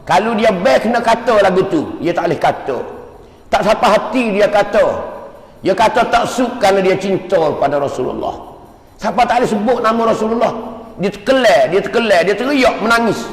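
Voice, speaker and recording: A man's voice: high voice, expressive, normal speed. A man, a religious teacher telling a story with emotion and constant repetition. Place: mosque. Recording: echoey mosque hall.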